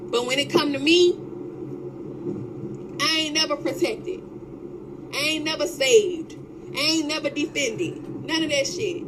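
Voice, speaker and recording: A woman's voice: high-pitched, measured pace, long pauses. A young woman in a heated, unscripted livestream rant, blunt and profane, hammering her points through repetition. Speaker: social media livestreamer. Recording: very noisy livestream audio.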